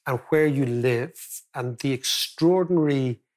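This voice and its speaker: An Irish man hosting a conversational interview, putting questions in animated, everyday language. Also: medium pitch, a little slow. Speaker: podcast host.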